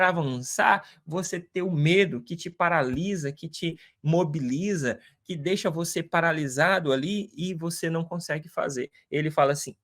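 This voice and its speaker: A man's voice: fairly high pitch, sharp tone. A man giving an informal Bible lesson, talking conversationally, repeating phrases and checking in with tag questions. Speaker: Bible teacher.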